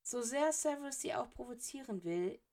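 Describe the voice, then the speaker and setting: A woman's voice: on the high side, lively intonation, moderate pace, pitched above the performer's own voice. A woman reading as a cheerful, unflappable elderly male headmaster wizard in a storybook, her voice raised and soothing. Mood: fatherly. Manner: bright, soothing, jovial. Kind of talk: audiobook character reading.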